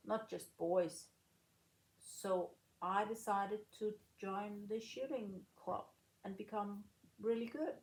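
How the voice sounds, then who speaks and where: A woman in her late thirties from Denmark answers questions at a slow, careful pace. Her voice sits at an ordinary middle pitch, and the room around her sounds noticeably echoey. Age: 30s. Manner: slow, measured, pausing between phrases. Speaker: guest, former rifle shooter. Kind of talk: casual interview answers.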